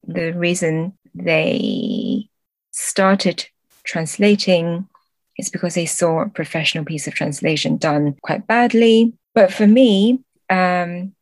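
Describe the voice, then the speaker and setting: With a low, gravelly, somewhat dark voice and no room sound, a middle-aged literary translator gives thoughtful, explanatory answers as a podcast guest. She was born in Guangzhou, China, and moved to the UK at a young age, where she grew up.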